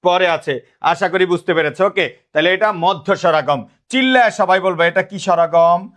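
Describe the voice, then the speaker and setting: A man with a Bangladeshi accent teaches a live online grammar class in a high, a bit bright voice at a moderate pace. He drills his students by asking the same questions over and over and calls himself their big brother.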